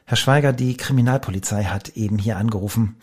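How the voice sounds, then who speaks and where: A man reading a storybook, voicing an excited female office secretary who hurries to pass on news. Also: on the low side, fast, breathy edge.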